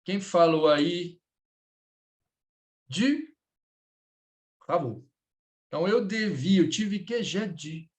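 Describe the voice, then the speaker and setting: A man's voice: high-pitched, lively intonation, very slow, pauses often. A Brazilian man teaching French in a live lesson, speaking Portuguese with a Brazilian accent, patiently repeating words and checking in with his students.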